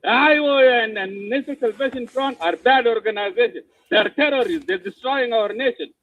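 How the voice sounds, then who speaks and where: A South Sudanese man giving impassioned political commentary, forceful and repetitive, often stumbling over his words. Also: extremely high pitch, moderate pace. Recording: tinny phone line, dry.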